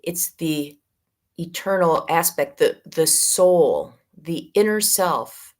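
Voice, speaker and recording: Gentle middle-aged Midwestern woman teaching. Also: lowish voice. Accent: Midwestern American. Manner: gentle, unhurried, drawing out key words. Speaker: yoga teacher. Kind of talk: spiritual teaching talk.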